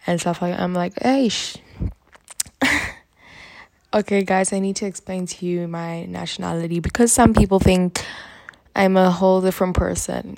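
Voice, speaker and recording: A girl of about twelve to thirteen, in grade seven in Uganda, vlogs from her school hostel with an American-sounding accent, chatting, giggling and wandering off on tangents as she rambles to camera. Her female voice is on the low side, creaky and darkish in tone.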